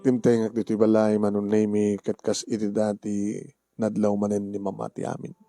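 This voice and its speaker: A man's voice: on the low side, completely flat delivery, moderate pace, vocal fry, warm tone. A man acting an emotional, pleading part in a radio-style comedy drama, with a dry close studio sound and faint music behind.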